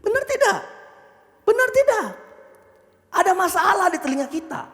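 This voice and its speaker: A man preaching a sermon, acting out the characters in his stories with loud, animated shouts and asking the congregation questions. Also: extremely high pitch, moderate pace. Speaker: pastor. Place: church. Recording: church hall reverb.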